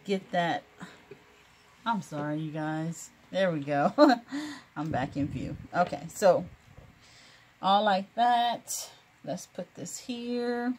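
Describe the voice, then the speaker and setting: Slow-talking woman chatting through a sewing tutorial. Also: lowish voice, lively intonation, darkish tone, slight background noise. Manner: chatty and encouraging, laughs often, many fillers. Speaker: crafting video host.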